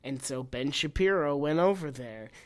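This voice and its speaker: Young male co-host, a bit higher voice, laughing and opinionated. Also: animated, moderate pace. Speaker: podcast co-host. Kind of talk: casual chat.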